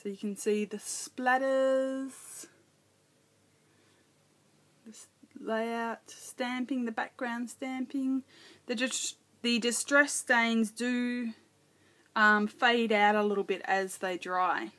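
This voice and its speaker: A woman's voice: on the high side, fairly even intonation, slow, fairly bright tone. A middle-aged woman casually narrating her scrapbooking as she works, thinking aloud and correcting herself as she goes. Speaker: craft video host.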